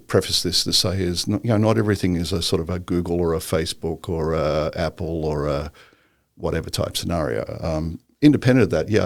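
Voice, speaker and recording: A man's voice: low-pitched, gravelly, dry recording, studio quality. A male entrepreneur as an interview guest, talking casually in a rambling, joking way full of fillers.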